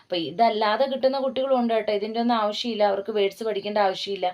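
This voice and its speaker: A female tutor from Kerala, giving an exam-prep lesson. She talks in encouraging teacherly asides and reads spellings out slowly, letter by letter. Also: medium pitch, steady tone, darkish tone, dull audio. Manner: slow dictation of spellings letter by letter. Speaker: OET tutor.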